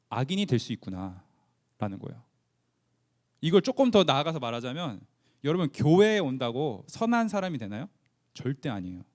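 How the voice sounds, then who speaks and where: Young male youth pastor, fairly high voice, animated delivery, asks the room questions and answers them himself. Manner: acts out the Bible figures' lines in casual speech. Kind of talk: conversational youth sermon.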